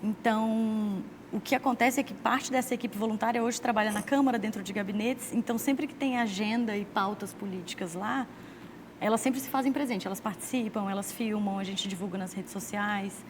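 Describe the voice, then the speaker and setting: A woman's voice: mid-range voice, fairly quick, noisy background. A Brazilian woman guest on a studio talk show who explains her group's work at length and speeds up when she quotes other people. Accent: Brazilian Portuguese. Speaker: guest, political organizer.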